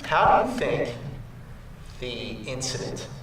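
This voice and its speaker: A man moderating a live Q&A, briskly calling on audience members and asking questions. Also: medium pitch, big pitch swings, a bit bright, slight background noise. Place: large cinema auditorium. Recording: very echoey theater heard from far off.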